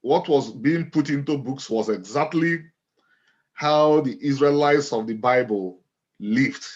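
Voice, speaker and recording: A middle-aged Nigerian man with a Nigerian accent, speaking as an interview guest in a measured, deliberate way and restating his phrases. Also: medium pitch. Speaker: guest, author and lawyer. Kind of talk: interview storytelling. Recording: dull lo-fi audio.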